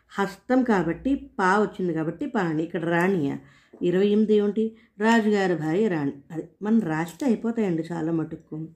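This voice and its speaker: A woman solving a crossword aloud, slowly musing as she reads out clues and tries answers. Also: mid-range voice, dark tone. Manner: thinking aloud, slow and musing. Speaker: puzzle solver.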